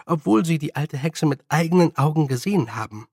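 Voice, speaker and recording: A man reading an audiobook voices a clever young witch girl who reasons calmly. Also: a little high, brisk, husky, no echo, studio quality. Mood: matter-of-fact.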